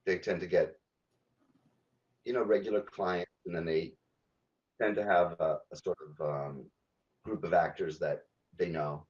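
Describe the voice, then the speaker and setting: A man, a game localization director, answering podcast interview questions haltingly, with many ums and restarts. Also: low-pitched, fairly even intonation, a little mellow, muffled recording.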